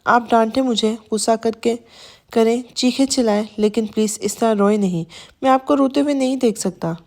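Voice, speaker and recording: A woman's voice: on the high side, a little mellow, close to an everyday voice. A woman voicing a devoted young husband who soothes and coaxes his crying wife, repeating pet names. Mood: pleading. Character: devoted young husband, tender and guilt-ridden.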